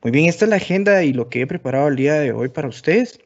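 A man from Guatemala with a Guatemalan Spanish accent, giving a relaxed technical webinar presentation full of fillers and restarts. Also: on the high side, fast talker, muffled recording. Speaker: conference speaker.

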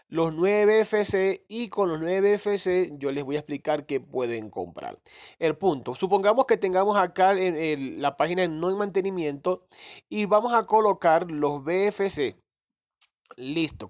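Explaining a crypto game over a phone screen recording, this male YouTuber rambles, corrects himself and swears mildly in a casual way. His voice is high and a little mellow.

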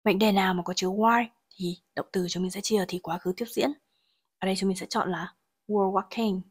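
A woman teaching English grammar and pronunciation, explaining each exam answer and reading English sentences slowly before translating them. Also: mid-range voice, fairly even intonation, slightly rough.

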